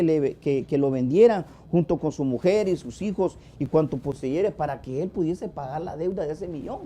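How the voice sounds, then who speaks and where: A man's voice: on the high side, mellow. A man co-hosting a church TV program, earnestly retelling a Bible parable in a devotional talk. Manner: earnest, emphatic retelling with acted quotes. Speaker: church TV co-host.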